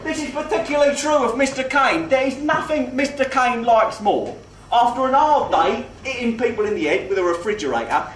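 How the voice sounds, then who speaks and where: Man playing a high-voiced mock-posh gangster compère. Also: animated. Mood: mock-earnest, faintly menacing. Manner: mock-posh grandiloquence, drawn-out emphasis, repeats phrases. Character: cockney gangster compère, mock-genteel, wheedling and faintly menacing. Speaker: burlesque show compère in comedy double act. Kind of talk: live comedy patter addressed to audience. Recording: roomy live venue, distant mic, faint noise.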